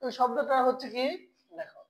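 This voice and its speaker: A woman teaching Korean pronunciation in an online lesson, asking questions and then answering them herself, and repeating key sounds slowly for her learners. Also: high voice, flat delivery, poor audio.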